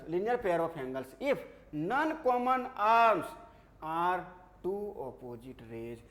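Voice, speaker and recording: High-voiced man teaching maths, coaxing. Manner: asks the class questions and answers them himself; playful and coaxing, calls students "dear children". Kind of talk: classroom lecture.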